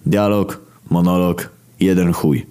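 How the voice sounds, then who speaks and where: A man's voice: low-pitched, fairly even intonation, slow, warm tone, smooth. A man voicing a cocky, irreverent male savior figure who talks in a flippant, crude way.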